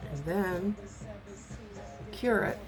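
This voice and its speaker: A woman with a rough, raspy smoker's voice gives a casual, rambling, self-deprecating hands-on tutorial as an amateur host. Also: mid-range voice, very slow, music in the background. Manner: rambling, self-deprecating, loses train of thought.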